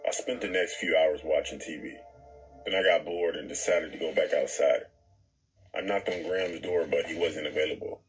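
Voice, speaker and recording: A man reading a scripted horror story in a calm, even storytelling manner. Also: a bass voice, moderate pace, rough recording. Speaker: story narrator. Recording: narration with background music. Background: music.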